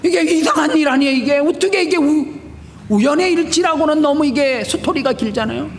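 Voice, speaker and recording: A male pastor preaching a sermon, telling stories with shouted prayers and rhetorical questions. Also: very high voice, brisk, in a large hall, a little hiss or hum. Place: church sanctuary.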